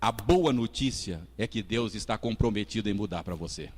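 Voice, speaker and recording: A man's voice: lowish voice, fairly quick. A man with a Brazilian Portuguese accent, a pastor preaching a Sunday school sermon in a conversational way, chatting with the congregation between points. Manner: lively, conversational preaching with audience asides and acted quotes. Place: church hall. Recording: long church reverb.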